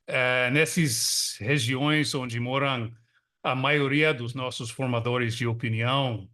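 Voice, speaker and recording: Calling in from his home in a small suburban town, this Texas-born magazine editor is a guest panelist in an online discussion. His English is native and American, tinged with a Brazilian São Paulo countryside lilt, and he chats casually with lots of filler pauses. The voice is mid-range, steady, bright and forceful.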